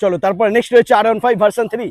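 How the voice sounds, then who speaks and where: A man's voice: sits high, steady tone, very fast, a little mellow, no echo, studio quality. A man with a West Bengal accent hosting a promotional vlog with hard-sell hype, exclaiming at prices and haggling for discounts. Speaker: video host presenting a dealer's stock. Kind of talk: excited promotional vlog banter.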